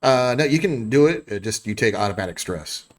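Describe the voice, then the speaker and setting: A man's voice: medium pitch, lively intonation, a little fast. A man acting as game master, describing scenes and explaining rulings in a loose, conversational way. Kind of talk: narrating a tabletop game.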